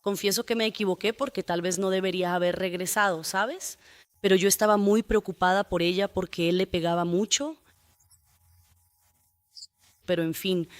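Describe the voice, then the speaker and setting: A woman's voice: medium pitch, dry recording. A woman testifying as a defendant in court, giving a long, detailed account and often adding tag questions.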